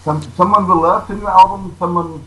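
A man's voice: sits high, steady tone, a little fast, bright, forceful tone. A man speaking non-native English as a musician being interviewed, casually answering in simple, repetitive phrasing. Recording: echoey room with background noise.

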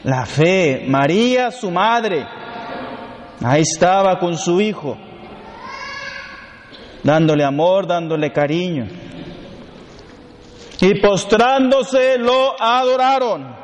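Slow-preaching priest, high voice. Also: male voice, slight background noise. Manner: slow, emphatic preaching with repeated rhetorical questions. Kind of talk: sermon. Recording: long hall reverb.

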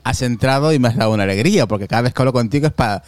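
Talking very fast in a mid-range, darkish voice with no echo, this man hosts a laid-back tech podcast from his sweltering living room. He trades teasing, joking banter with his co-hosts over a video call, using a computer and a phone camera.

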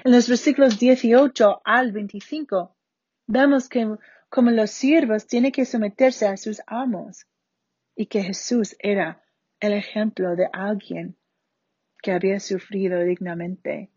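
A woman from Spain, giving an earnest Bible study talk in a slow, deliberate way. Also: mid-range voice, fairly even intonation, darkish tone, slightly rough, dry recording. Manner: slow, deliberate, earnest delivery with falling phrase ends. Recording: dull muffled recording.

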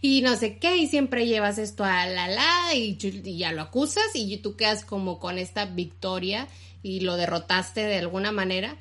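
A Mexican woman in her thirties co-hosts a relaxed talk show. She walks through ideas at length, trailing off and restarting as she thinks aloud, in a mid-pitched voice. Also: moderate pace. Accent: Mexican Spanish. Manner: explains at length, restarts often. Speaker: podcast co-host. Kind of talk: casual chat.

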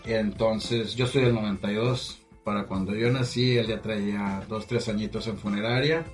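A man, chatting casually as a podcast guest, relaxed and talkative. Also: on the low side, normal speed, far from the mic, soft background music. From Mexico. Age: 20s. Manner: relaxed, chatty, frequent "así es". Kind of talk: casual conversation.

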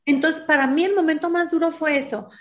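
A woman's voice: high voice, fairly even intonation, fairly quick. A woman, earnestly telling a personal story as an interview guest and acting out the dialogue she recalls. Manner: earnest, acts out quoted dialogue. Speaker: guest, foundation founder.

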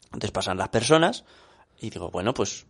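Young man from Spain, casual chat, very lively pitch, animated storyteller. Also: normal speed, vocal fry. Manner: animated, acts out quoted voices.

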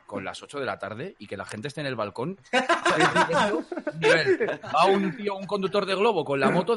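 Lively joking man with crowd behind. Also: fairly high pitch. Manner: jokey, acts out imagined scenes. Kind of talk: casual chat.

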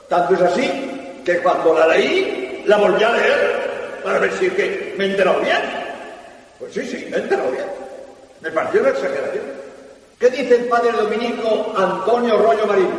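A priest giving a storytelling sermon, repeating his key phrases for emphasis. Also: high-pitched. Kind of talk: radio sermon talk. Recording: echoey hall, distant mic.

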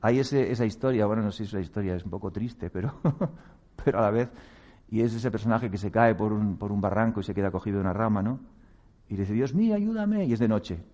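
A man's voice: lowish voice, quick pace, dark tone, dull audio. A man from giving a reflective talk on meditation, speaking earnestly, chuckling at himself and acting out quoted voices.

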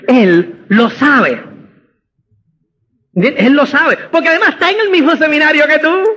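A man's voice: very high voice, bright, forceful tone, breathy edge. A man giving a motivational seminar talk, emphatic and often checking that listeners understand, recorded with dull lo-fi sound. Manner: emphatic, keeps asking "¿me entiendes?". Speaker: motivational speaker. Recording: dull lo-fi audio.

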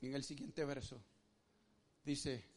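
A man with a Rioplatense Spanish accent preaching a sermon as pastor, swinging his pitch widely and acting out the voices in the story. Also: fairly even intonation, slow.

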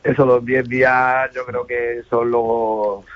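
A man's voice: medium pitch, level tone, slow pace, no echo. A man, chatting casually in a radio interview with many fillers and restarts. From Spain, La Mancha. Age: 30s. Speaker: DJ and festival ambassador. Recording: muffled radio broadcast.

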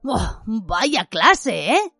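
A woman's voice: on the high side, big pitch swings, very slow, pushed and bright, dry recording, clean studio sound, faint music behind, exaggerated voice. A woman voicing an eager, gossipy teenage wizard boy. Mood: excited gossip. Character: chatty teenage wizard boy, impressed and careless.

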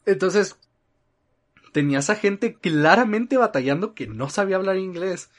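A man with a Mexican accent chatting casually. He rambles, uses frequent fillers and lets his sentences trail off softly. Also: high-pitched, lively intonation, measured pace. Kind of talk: casual chat.

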